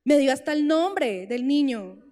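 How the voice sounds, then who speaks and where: A woman preacher giving a heartfelt sermon testimony, slow pauses building to tearful pleading. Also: sits high, lively intonation, mellow. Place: church hall. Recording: long church reverb with faint music.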